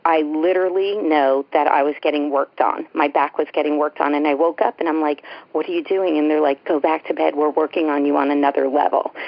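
Low, gravelly woman calling in by phone. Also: dry recording. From Florida. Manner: eager and talkative. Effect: phone-line caller voice on radio. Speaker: radio show caller. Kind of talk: chatty call-in conversation. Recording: dull phone-line sound.

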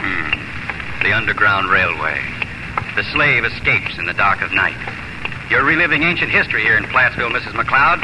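An actor playing a proud, sardonic young drifter, wry and articulate, in theatrical 1940s radio drama style. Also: male voice, on the low side, expressive, normal speed, lightly acted. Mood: resigned, sardonic. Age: young adult. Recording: very noisy vintage radio recording.

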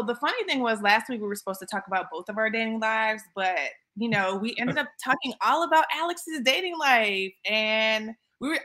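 A chatty woman in her late thirties hosts a casual podcast. Her voice is bright and forward, and she ribs her co-host while she fills the gaps with "uh" and "like.". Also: fairly high pitch. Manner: chatty, ribbing, with filler words. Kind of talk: casual chat.

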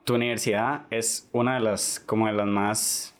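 A young man hosts a podcast in a casual, chatty style, talking a lot, repeating himself, and filling his speech with tag questions like "¿verdad?". His voice is fairly low and steady, at a moderate pace.

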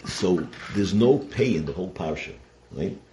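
Male religious teacher, deep voice, conversational and halting delivery, some background noise. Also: lively intonation, warm tone. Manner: conversational, halting, repeats phrases, rhetorical check-ins. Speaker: rabbi giving a Torah lesson. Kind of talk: informal sermon, Torah lecture.

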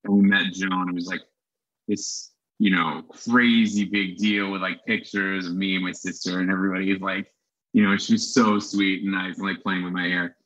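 A man guest telling a story in a casual chat, halting with many fillers. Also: sits low, little pitch movement, a bit bright. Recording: dull lo-fi sound.

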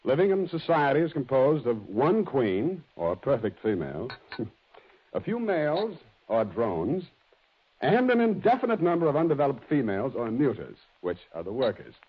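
A man's voice: medium pitch, wildly swooping pitch, normal speed, husky. A cocky American private eye from a 1940s radio drama. He talks with wry, mock-pompous swagger and a swinging intonation. The sound is a dull old broadcast. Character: wry, cocky hard-boiled male private detective. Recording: dull vintage radio recording.

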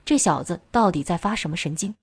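A woman voicing a gruff, blunt tough guy. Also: fairly low pitch, animated, brisk, no room sound, studio quality, pitched below the performer's own voice. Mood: puzzled. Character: tough man, blunt and protective.

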